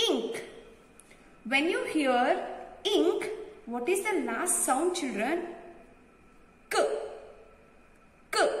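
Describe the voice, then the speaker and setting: A woman's voice: high-pitched, fairly bright tone. A woman with an Indian accent teaching phonics to young children, asking repeated questions and exaggerating the endings of words. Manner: slow, repetitive questioning. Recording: echoey hall-like reverberant room.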